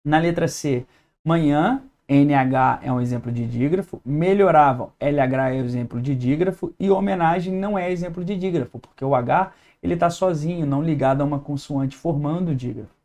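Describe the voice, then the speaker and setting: A man's voice: on the high side, normal speed, a little mellow. A man with a Brazilian Portuguese accent teaching an exam-prep lesson at a whiteboard, explaining step by step and checking in with his students.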